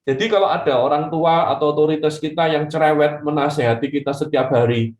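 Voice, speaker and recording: A man gives a casual youth sermon in a somewhat high voice. His talk is chatty and animated, full of slang and English asides. The recording is echoey, as if made in a reverberant room. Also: brisk. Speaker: youth preacher.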